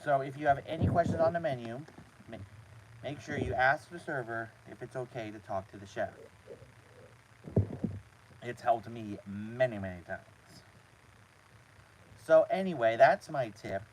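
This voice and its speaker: A man hosting a casual live stream from inside a small trailer, talking to his chat in a halting way with repeated words. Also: medium pitch, lively intonation, noisy background. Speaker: host of a live show.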